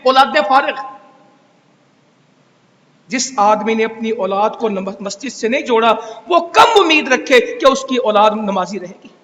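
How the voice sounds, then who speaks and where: A man's voice: very high voice, fairly bright tone. A man preaching a Friday sermon in a mosque, scolding and exhorting with rhetorical questions. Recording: echoey hall reverb.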